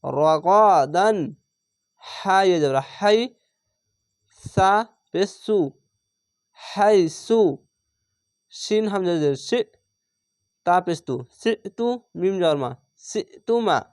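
A man with a Bangladeshi Bengali accent teaches recitation at an unhurried pace, sounding out each syllable before chanting the whole word in long drawn-out tones. His voice sits high and rings smooth and clear, recorded close and dry. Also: lively intonation, a little mellow, no room sound. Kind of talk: spelling-out recitation lesson.

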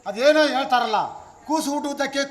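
An actor playing a grieving widowed father who heads a village household, declaiming loudly in a stage drama. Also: extremely high pitch, quick pace, roomy sound, long reverb tail. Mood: resolute. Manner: loud, declamatory lament.

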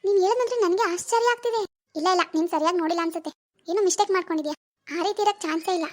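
A woman's voice: very high voice, very fast, a little mellow. A woman acting as an older mother-in-law who soothes her daughter-in-law while stirring trouble against her son. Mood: concerned. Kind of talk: amateur family drama acting.

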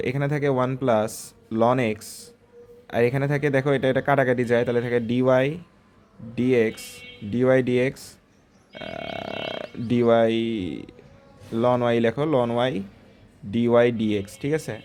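A man's voice: mid-range voice, animated, moderate pace, pauses often, a little mellow, soft background music. A male math tutor walking through exam problems step by step, talking in a conversational way and often asking the student short checking questions.

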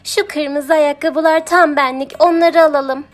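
A woman voicing a vain, stubborn female cow who exclaims loudly and whines in drawn-out words, in a children's audiobook. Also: high-pitched, fairly even intonation, faint music behind, voice pushed up. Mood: demanding.

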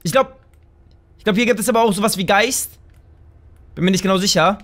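A man doing let's play gameplay commentary, chatting straight to his viewers and breaking into loud, excited shouts. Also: high voice, fairly quick. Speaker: gaming channel host.

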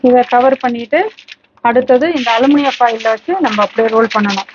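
A woman hosting a home cooking channel, calmly walking through each step and ingredient. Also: on the high side, brisk, highs cut off, noisy background. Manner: calm, instructive, listing ingredients steadily. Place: home kitchen.

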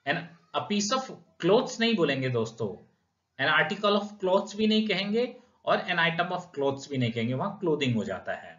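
Lively Indian man teaching grammar. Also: a little high, moderate pace. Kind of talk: grammar lesson explaining rules with examples. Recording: echoey room, dull lo-fi sound.

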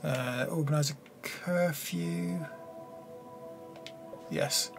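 A young man casually commentating as he plays a game, reading its text aloud and thinking out loud hesitantly. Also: a little high, drawn-out words, vocal fry. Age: young adult. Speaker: gamer playing and commenting on a card game. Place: small room indoors at a desk. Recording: game music behind the voice. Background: game music.

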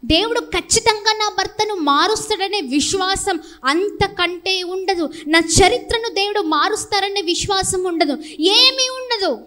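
High-voiced Telugu woman preaching passionately. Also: a little slow, sharp tone. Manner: impassioned preaching with repeated hallelujahs and rhetorical questions. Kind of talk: sermon.

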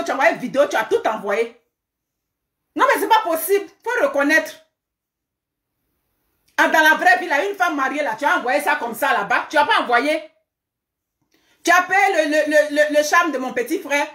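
A woman's voice: high voice, a bit bright, roomy sound. A woman giving live social media commentary, scolding emphatically, repeating words and firing off rhetorical questions. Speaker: online commentator.

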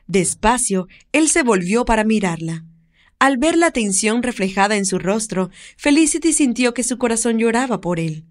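Casting: audiobook narrator, woman, expressive and steady, slightly high pitch. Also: normal speed. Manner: expressive storytelling read. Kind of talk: scripted narration.

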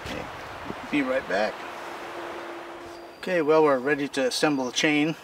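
Out in his backyard workspace, an older man who hosts a homesteading channel rambles through a casual demonstration of chainsaw repair, plain-spoken and folksy. His voice is on the high side and creaky, at a moderate pace. Because the camera mic is distant, the audio carries outdoor noise.

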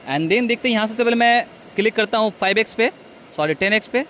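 High-voiced man testing phones outdoors. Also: quick pace, a bit bright, slight background noise. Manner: talks while operating the phones, announcing each step. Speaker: tech reviewer. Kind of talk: casual on-the-spot demo. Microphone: phone's built-in microphone.

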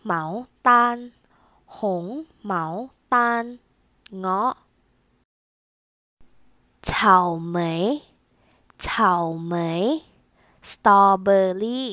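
Very slow, emphatic woman pronunciation drill. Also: mid-range voice, pushed and bright, dry recording. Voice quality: emphatic, drawn-out words said twice for repetition. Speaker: language teacher leading a repeat-after-me drill.

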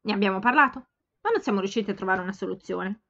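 A woman's voice: mid-range voice, quick pace. Woman reader doing a blunt young sister, pushy and insistent, slightly muffled home audio. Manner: forceful, insistent scolding.

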